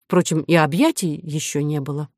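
A woman's voice: low voice, steady tone, moderate pace, darkish tone, dry recording, studio quality, close to an everyday voice. A woman voicing a proud, imperious young princess in an audiobook, speaking in a commanding, indignant, emphatic way. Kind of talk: audiobook character voice.

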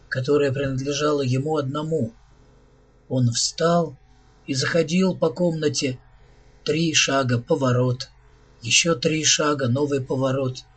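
A man narrating a science fiction audiobook in a measured, even storytelling manner. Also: fairly high pitch, breathy edge.

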